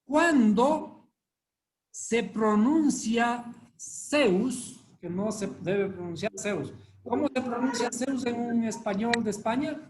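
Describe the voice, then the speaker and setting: A man's voice: extremely high pitch, slow. A man teaching a live Bible study class, constantly quizzing his listeners with rhetorical questions. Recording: echoey room with faint noise.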